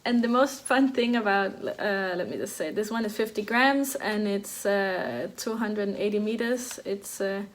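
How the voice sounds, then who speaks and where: A Danish woman in her thirties hosts a knitting podcast, chatting casually and hesitantly with lots of fillers and restarts. Her voice is medium-pitched and even, almost flat, moving at a moderate pace with hardly any pauses.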